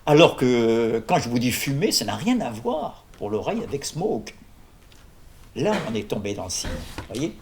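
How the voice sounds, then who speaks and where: A man's voice: mid-range voice, very animated, moderate pace, darkish tone, slight background noise. A man lecturing on philosophy in an informal workshop, digressing with jokes and questions to his audience.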